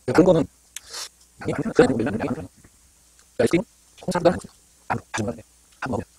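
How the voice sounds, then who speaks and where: A man chatting casually on an eating show, his mouth full of ice cream, his words muffled and halting. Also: a little high, big pitch swings, a little mellow, husky, no echo. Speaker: mukbang vlogger.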